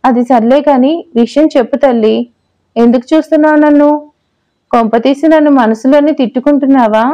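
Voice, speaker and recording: A woman voicing a fond, brisk middle-aged mother-in-law in an audio story. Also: high-pitched, dark tone, highs cut off, close to an everyday voice.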